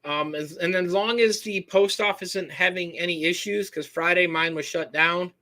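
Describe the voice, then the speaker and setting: A man from Michigan runs a live question-and-answer stream, talking loosely and correcting himself as he goes. His voice sits fairly high and sounds bright and forward. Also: fairly even intonation, normal speed. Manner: rambling, self-correcting, reads chat names aloud. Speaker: host answering viewer questions.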